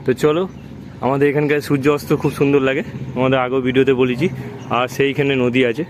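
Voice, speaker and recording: A man's voice: medium pitch, level tone, fast talker. Chatty man vlogging at home. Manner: chatty, addresses viewers as guys, coos at children. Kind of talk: casual family vlog narration. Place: outdoors on a rooftop and around a home. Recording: noisy home phone recording.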